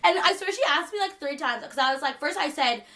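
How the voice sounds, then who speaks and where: Animated young woman telling a story. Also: high-pitched, fairly quick. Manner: animated, laughing, many fillers. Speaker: vlogger. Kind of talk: casual storytime.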